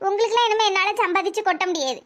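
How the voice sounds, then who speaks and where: A stern village mother in a cartoon drama, voiced by a woman, with a very high, piercing voice. She fires off rapid rebukes and sharp-tongued scolding.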